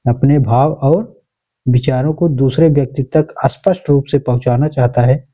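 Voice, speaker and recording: A male teacher walks the class step by step through an exam paper, often repeating answers and checking in with students. His voice is medium-pitched and dark, and the recording is dull and lo-fi.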